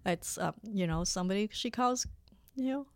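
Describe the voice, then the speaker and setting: A woman in her forties from Hong Kong, a lawyer being interviewed, talking in a halting way with many fillers and restarts. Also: mid-range voice, no echo, studio quality. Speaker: lawyer guest. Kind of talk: conversational interview.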